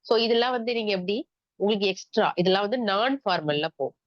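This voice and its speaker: A woman's voice: mid-range voice, expressive, fast, no room sound. Woman, Tamil accent, exam-prep teacher, question-and-answer explaining, dull dry sound. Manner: explains step by step, asks the class questions and answers them; mixes English terms into Tamil speech. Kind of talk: online exam-prep lecture. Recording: dry, muffled lo-fi recording.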